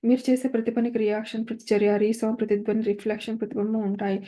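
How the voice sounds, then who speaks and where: A woman reading spiritual teachings, saying English lines slowly before translating them and chanting verses. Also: on the high side, flat delivery, mellow. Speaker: reader of spiritual discourses. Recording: slightly muffled lo-fi recording.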